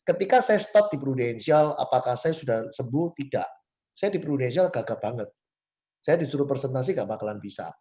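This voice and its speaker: A man in his forties from Surabaya shares his life story with viewers. His voice is mellow and warm, and he talks quickly and chattily. He stresses key words with sharp rises and keeps speaking to his listeners directly. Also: medium pitch, expressive. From Surabaya, Indonesia. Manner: self-described fast, chatty talker. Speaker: motivational speaker. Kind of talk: personal story talk to viewers.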